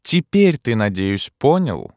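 Give me a mocking, bossy vagabond king, put on by a man reading aloud, loud and lifted. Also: medium pitch, sing-song, takes it slowly, dry recording, clean studio sound, voice pushed up. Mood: commanding. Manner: commanding, scornful.

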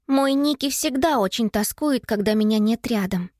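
A woman's voice: fairly high pitch, moderate pace, a little mellow, no echo, studio quality, natural voice. A woman voicing a timid young girl who talks nervously in an audiobook story. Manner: shaky, nervous. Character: timid girl Anna, easily frightened.

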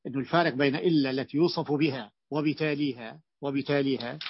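A man's voice: medium pitch, steady tone, fast talker, slight background noise. A man teaching a grammar lesson as sheikh, explaining and quizzing his students with frequent restarts. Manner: explanatory, asks students questions, many restarts. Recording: dull lo-fi dry recording.

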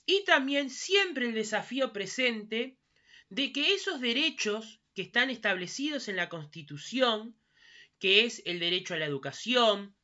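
A woman with a Uruguayan accent delivering a patriotic ceremonial speech, sometimes pausing mid-phrase to find her words. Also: mid-range voice, pushed and bright, highs cut off. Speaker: speaker at a commemorative civic ceremony.

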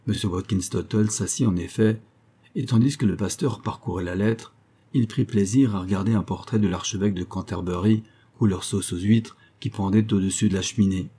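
A man narrating a classic humorous story in measured, even audiobook reading. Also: on the low side, slightly rough.

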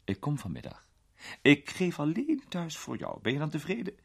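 A man voicing a sharp-tongued old duchess and grandmother, gossipy and doting, in a storybook reading. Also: fairly high pitch, huge pitch swings, normal speed, gravelly, husky, voice pushed up, heavily acted.

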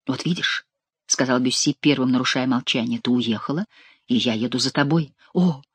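A man narrating a classic adventure novel as an audiobook, reading expressively and dropping to hushed tones in tender scenes. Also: mid-range voice, husky, no echo.

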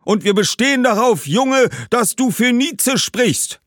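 A crowd of ghostly ancestors loudly insists on having their way, voiced high and forceful by a male storyteller. It is a dry, close storybook reading. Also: expressive, a little slow, no room sound, heavily acted. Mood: demanding. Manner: loud, demanding, high put-on voice.

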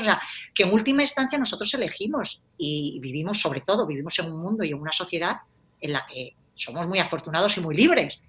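A woman, a life coach explaining ideas in a casual conversational way and acting out example phrases. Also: fairly low pitch. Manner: animated, acts out example phrases.

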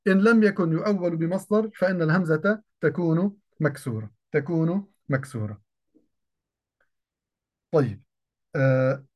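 A man teaching an Arabic grammar lesson, asking questions and then answering them, slowing down to repeat example sentences, with everyday dialect words mixed into formal speech. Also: high-pitched, darkish tone. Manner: repeats key phrases slowly and asks the class questions.

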